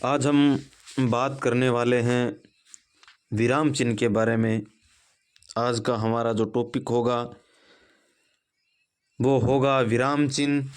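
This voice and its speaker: Slow, deliberate male Hindi grammar teacher. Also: medium pitch, steady tone, clear, resonant tone. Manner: slow, deliberate explaining with example sentences. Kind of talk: classroom lesson.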